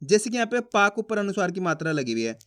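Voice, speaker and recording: A man teaching a reading lesson, asking himself questions and answering them, sounding out syllables slowly. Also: high-pitched, big pitch swings, fairly bright tone. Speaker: Hindi teacher.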